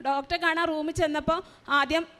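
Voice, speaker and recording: A woman with a high voice gives an earnest personal testimony at a shrine service. She tells her story haltingly, breaking off and restarting her sentences. Her voice rings with the long echo of a large church hall. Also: flat delivery, bright, forceful tone. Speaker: mother giving a testimony.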